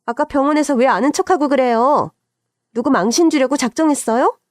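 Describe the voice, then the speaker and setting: A snobbish young doctor sister-in-law, as a woman puts her on, snapping in a high, sharp and condescending voice. She sounds indignant and looks down on her listener. The read is dry and close, with no room sound. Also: very animated, fairly quick, no echo. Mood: indignant scolding. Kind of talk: dramatized radio story acting.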